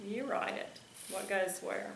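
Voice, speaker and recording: Bright-voiced mother patiently quizzing her child. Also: mid-range voice, measured pace, creaky, slight background noise. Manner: patient, prompting questions. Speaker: homeschooling mother. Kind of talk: teaching her child grammar. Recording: echoey room.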